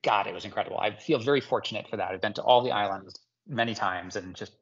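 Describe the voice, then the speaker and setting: A man's voice: on the low side, fast talker, husky, highs cut off. A man from Hawaii chatting as a guest in an interview, enthusiastic and rambling with lots of fillers. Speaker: guest ceramic artist. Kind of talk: casual interview chat.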